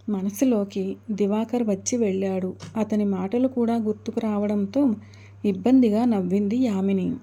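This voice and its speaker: A woman narrating a family drama as a steady, emotive storyteller. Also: medium pitch, husky.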